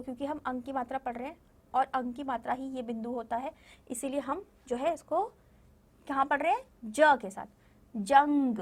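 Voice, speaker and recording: A woman with a high voice teaches a recorded lesson to small children. She speaks patiently and sounds words out slowly, repeating them. She keeps asking the class questions and answering them herself. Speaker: primary school Hindi teacher.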